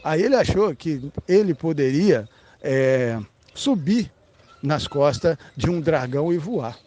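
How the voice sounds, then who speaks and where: This man speaks with a Brazilian Portuguese accent in a rambling esoteric monologue, blunt and emphatic, swearing casually and checking on the listener with frequent "tá?". His voice is on the high side, expressive and dark in tone, and he talks slowly.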